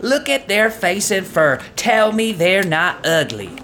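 A man's voice: high voice, unhurried, slight background noise, heavily acted. A man playing a male coworker who insists on odd unpopular opinions and keeps repeating his point. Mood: insistent. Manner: insistent, repeats a flat catchphrase.

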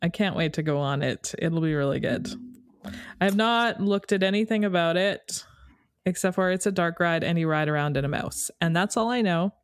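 Casting: woman podcast co-host, lower voice, dry close recording, enthusiastic. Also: normal speed, clear, resonant tone, dry recording. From Canada. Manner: warm, enthusiastic, laughs easily. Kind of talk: casual chat.

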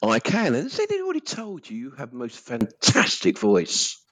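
A man's voice: mid-range voice, wildly swooping pitch, normal speed, a bit bright, husky, dry recording. A man with an Essex accent chatting informally as a guest in a conversational interview. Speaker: podcast guest, business owner.

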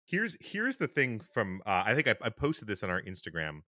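A man's voice: lowish voice, huge pitch swings, moderate pace, pushed and bright, no echo, studio quality. A man co-hosting a podcast in casual chat, rambling with fillers and restarts. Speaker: podcast co-host.

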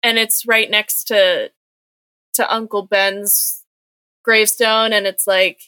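Bright-voiced woman chatting in a dry room. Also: mid-range voice, flat delivery, clean tone, dry recording. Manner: chatty, filler-heavy retelling with quick acted-out quotes. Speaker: podcast co-host. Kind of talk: casual chat recapping a comic book.

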